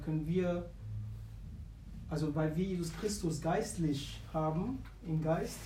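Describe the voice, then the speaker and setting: A man in the congregation answering a question, pausing often and searching for words. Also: fairly high pitch, dark tone, slight background noise. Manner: searching for words, many hesitations. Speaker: congregation member. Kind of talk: answering in a church discussion. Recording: distant, echoing room.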